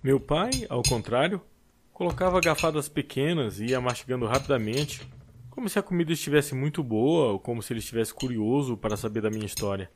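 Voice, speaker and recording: A man narrating an audiobook in a steady, unhurried storytelling voice. His pitch sits in the middle range. A faint noise runs under the recording. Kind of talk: scripted narration.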